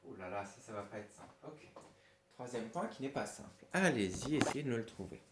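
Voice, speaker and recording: A man's voice: mid-range voice, lively intonation, brisk. A man teaching a school dictation lesson, patiently spelling words letter by letter and humming to stand in for the hidden words. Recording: echoey room, faint noise.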